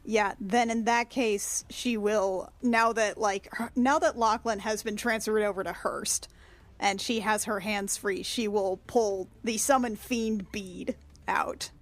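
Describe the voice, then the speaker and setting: Taking it slowly in a steady, mid-range voice, a woman plays a tabletop roleplaying game. She's casual and playful as she describes her character's actions.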